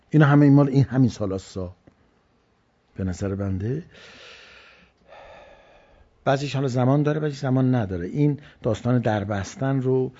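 A man's voice: medium pitch, mellow, lo-fi sound. A man preaching a religious lecture, telling stories and repeating phrases for stress. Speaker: cleric.

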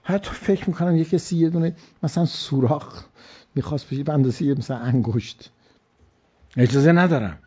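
A man's voice: fairly high pitch, mellow, husky, highs cut off. A man preaching a religious lecture, telling stories and repeating phrases for stress. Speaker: cleric.

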